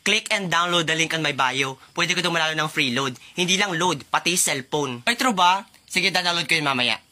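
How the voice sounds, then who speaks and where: Lalaking nagbibiro, maraming boses. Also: male voice, a little high, normal speed, pushed and bright. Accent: Filipino. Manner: switches between many characters, playful and teasing. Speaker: comedy sketch creator. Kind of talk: one-man comedy skits playing all roles.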